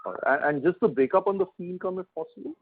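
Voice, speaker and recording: A man's voice: sits high, rapid-fire. A man, an analyst on a conference call, stammering into his phrases as he asks for clarification. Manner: stammering starts, persistent clarifying. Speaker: analyst asking questions. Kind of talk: question and answer on a conference call. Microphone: phone line. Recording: rough, muddy phone line.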